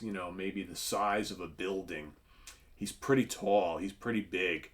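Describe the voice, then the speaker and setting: Sarcastic man retelling a comic. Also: sits low. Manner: sarcastic, chatty, retelling the plot with jokes. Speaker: comic book review host. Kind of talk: casual comic book commentary.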